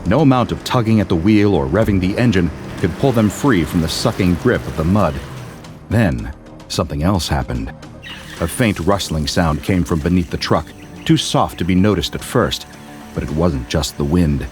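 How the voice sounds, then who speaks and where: A man narrating a scripted horror story in a steady, measured way. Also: low-pitched, over music.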